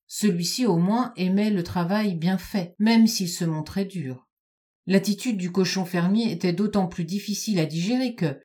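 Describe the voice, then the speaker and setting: A woman reads a children's story aloud with a warm, mellow tone. Her narration is calm and steady. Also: fairly low pitch.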